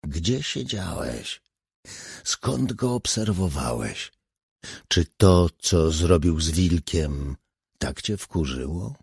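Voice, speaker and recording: A man's voice: lowish voice, lively intonation, a little slow, a little mellow, no room sound, clean studio sound. A man reading a terse, probing police profiler. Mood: brooding. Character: sharp, driven male police profiler. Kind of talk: audiobook character voice.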